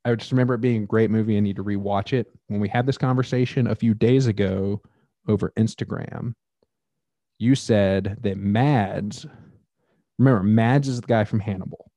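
A man's voice: on the low side, fairly even intonation, normal speed, mellow, no room sound. A man co-hosting a podcast in casual chat, joking and double-checking facts. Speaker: podcast co-host.

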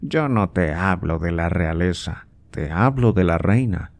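A man performs an audiobook character, an impatient, scornful old nobleman who mocks and scolds his son, with a coaxing tone. He uses a low-pitched, exaggerated, expressive voice with vocal fry, speaking a little slowly.

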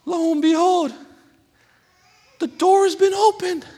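A man preaching a sermon as a guest pastor in a church, fervent and building up to shouted exhortation. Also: extremely high pitch, fairly even intonation, slow pace. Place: church sanctuary. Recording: long hall reverb.

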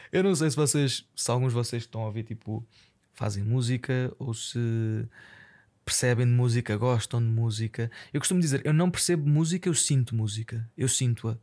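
This podcast host is a young man with a European Portuguese accent, recorded on a close microphone. His voice is medium in pitch with a somewhat dark tone. Alone on a casual show, he wanders from point to point, curses frequently and slips in English filler words.

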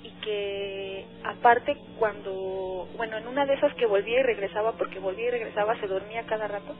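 A woman with a Mexican accent calls in to a radio show and tells her story earnestly but hesitantly, using many filler words. Her medium-pitched voice has fairly even intonation and runs a little fast over a tinny phone line with faint music behind it.

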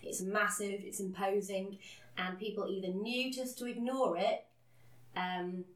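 A woman's voice: medium pitch, fairly even intonation, a little slow. A woman co-hosting a podcast, telling a story in a casual, earnest way and laughing at herself now and then. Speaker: podcast co-host. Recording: roomy, a bit distant from the mic.

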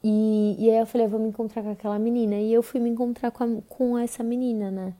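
A woman's voice: a little high, little pitch movement, quick pace, dark tone. A young adult woman with a Brazilian Portuguese accent, telling a personal story on a podcast in a casual way with lots of fillers. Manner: conversational retelling with many fillers.

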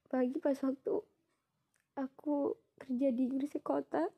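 A young woman from East Java telling a personal story in a soft, reflective way, pausing often with fillers. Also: high voice, flat delivery, highs cut off. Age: young adult.

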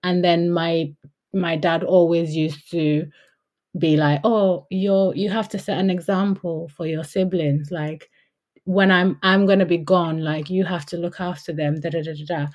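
Her voice is fairly low, fairly even and unhurried, with a darkish tone and the highs cut off. She's a woman from Gambia co-hosting a relaxed podcast, quick to laugh and fond of quoting herself. She speaks London English with a faint Yorkshire tinge.

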